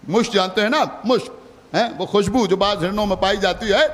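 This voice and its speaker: High-voiced cleric declaiming in a reverberant hall. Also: male voice, fairly quick. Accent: Lucknow Urdu. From India. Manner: swings between soft asides and loud declaiming. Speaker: Shia cleric. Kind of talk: Muharram majlis sermon. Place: large imambargah hall. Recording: long hall reverb from live majlis.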